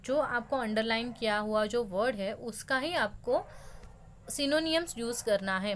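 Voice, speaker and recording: A woman's voice: medium pitch, a bit bright, a little hiss or hum. A young woman teaching a school lesson, explaining words patiently and slipping English terms into her talk.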